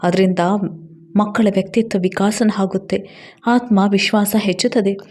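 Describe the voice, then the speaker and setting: A woman voicing a gentle schoolteacher who encourages a mother in a storybook reading. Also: mid-range voice, fairly even intonation, moderate pace, natural voice. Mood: encouraging.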